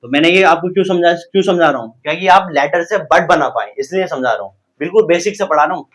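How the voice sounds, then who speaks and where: A man's voice: fairly high pitch, animated, fast talker. A man teaching English pronunciation in Hindi, explaining step by step and asking and answering his own questions. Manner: addresses viewers as guys. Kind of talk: Hindi-language English lesson.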